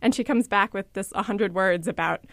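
A woman's voice: medium pitch, moderate pace, no echo. A woman reporter on a radio show, explaining her story in an enthusiastic, conversational way.

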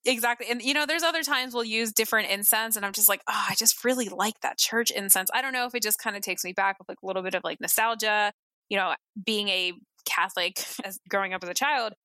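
A woman's voice: medium pitch, fast, bright, forceful tone, dry recording. A woman hosting a casual interview, chatty and giggly with lots of "you know" and "like". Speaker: podcast host.

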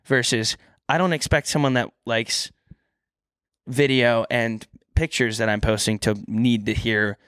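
A man's voice: mid-range voice, fairly even intonation, unhurried, a bit bright, smooth, dry recording, studio quality. A man co-hosting a podcast in casual, comedic chat, joking and self-deprecating, who pronounces his th sounds as f. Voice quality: says th sounds as f. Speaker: podcast co-host.

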